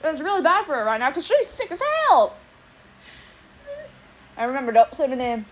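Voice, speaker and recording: A woman's voice: high voice, huge pitch swings, normal speed, low-quality recording. A young adult woman streamer chatting casually while she draws, thinking aloud and swearing now and then. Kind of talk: casual livestream chat while drawing.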